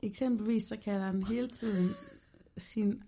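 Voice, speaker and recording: A woman's voice: mid-range voice, steady tone, creaky, dark tone, breathy edge. A woman, chatting casually as a podcast co-host, blunt and teasing in everyday slangy language. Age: 30s. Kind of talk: casual chat.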